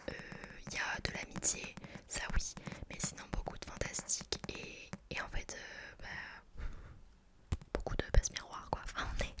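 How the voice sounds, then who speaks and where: A woman speaking in a soft, breathy library whisper, chatting informally in an ASMR book review style.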